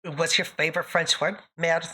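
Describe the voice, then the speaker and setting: She sits low in pitch with little pitch movement, speaking at normal speed in a pushed, bright voice that is slightly rough. This woman from northern Canada hosts a livestream, answering viewers in casual chat, joking and laughing often, in a thick, put-on-sounding accent.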